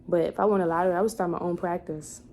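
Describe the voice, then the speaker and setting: A woman in her twenties chats casually to camera as a vlogger, answering questions in a fairly low, steady, slightly mellow voice at a quick pace. She rambles, thinking aloud and correcting herself, against clearly noisy room ambience.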